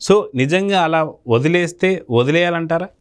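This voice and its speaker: A man interviewing a guest, asking calm, probing questions. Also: on the high side, moderate pace, smooth.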